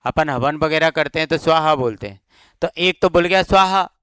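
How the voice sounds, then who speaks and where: A man's voice: a little high, a little fast, fairly bright tone, clean tone, dry recording. A man teaching an exam-prep grammar lesson with a slight Rajasthani Hindi accent, explaining step by step and answering his own questions.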